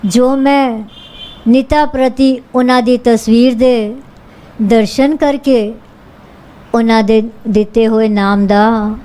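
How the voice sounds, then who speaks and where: A woman's voice: a little high, fairly even intonation, takes it slowly, warm tone, low-quality recording. A woman reading the lines of a humble, grateful man healed of lame legs, in an earnest, pleading way.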